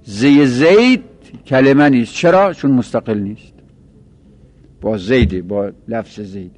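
A man gives a seminary-style grammar lesson, explaining slowly and going over each point again. He stretches out key terms and lets his voice fall quiet at the ends of phrases. His pitch is medium, with no echo.

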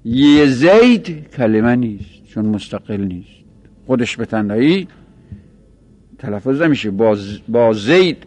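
A man teaching a grammar lesson, explaining slowly and repeating each point, stretching key terms and dropping quiet at the ends of phrases. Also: mid-range voice, dry recording. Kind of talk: seminary-style grammar lesson.

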